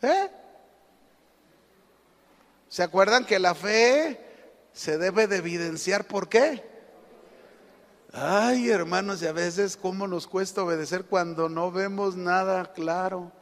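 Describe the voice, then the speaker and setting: A Mexican pastor preaches in a notably high voice, spinning a story with lively animation. He keeps pulling the congregation in with questions, and his words carry a long reverb through the church hall. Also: slow pace, pauses often. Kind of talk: sermon.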